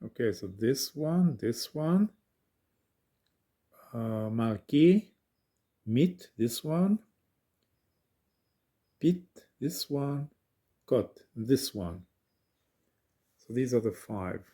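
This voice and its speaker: Slow, halting man practising language exercises aloud. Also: mid-range voice, sing-song, mellow, husky. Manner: halting, thinking aloud while working through exercises. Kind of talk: informal language lesson, reading out syllables.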